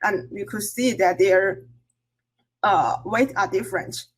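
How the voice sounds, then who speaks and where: A woman presents research at an academic conference. Her voice sits at a medium pitch with a slightly rough, husky edge. She speaks haltingly, with many hesitations and restarts as she explains. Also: poor audio. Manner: halting, hesitant delivery with frequent hesitations and self-corrections.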